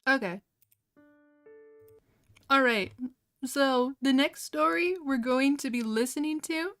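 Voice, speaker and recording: Young woman, high-pitched voice, giggly, casual livestream chat, animated disbelief, lots of "like". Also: slow pace, faint music behind. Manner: giggly, laughs often, heavy use of "like". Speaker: art streamer.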